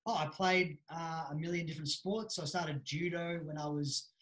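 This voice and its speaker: Speaking over a webcam video call from a small, echoey room at home, this Australian man in his thirties is a judo coach being interviewed. His voice is fairly high and fairly bright, steady in tone and moderately paced, and he chats casually with lots of fillers.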